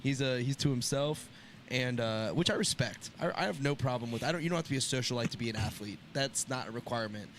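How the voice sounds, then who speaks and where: A man hosting a casual sports chat podcast, animated and laughing as he talks. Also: medium pitch, quick pace, few pauses, a little hiss or hum. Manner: animated, laughs while talking. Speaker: podcast host.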